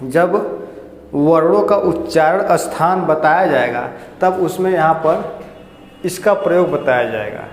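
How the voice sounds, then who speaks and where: Explaining Hindi grammar to his class step by step, a man raises questions and answers them himself in an unhurried, fairly high voice. The lecture was captured in an echoey room with long reverb and a little hiss or hum.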